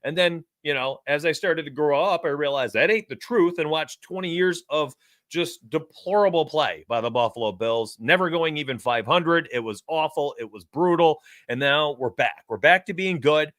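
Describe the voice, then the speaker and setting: Chatting energetically with viewers on his sports betting live stream, a forty-year-old New York host talks directly to the chat. His voice is a little high and his pace moderate, in a dry, studio-quality recording.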